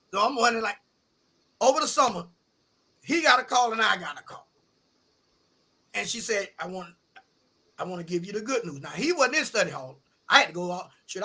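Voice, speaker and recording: A middle-aged man telling a story in a colloquial, animated way, often acting out the people he quotes. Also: high voice. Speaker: podcast guest. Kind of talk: casual storytelling.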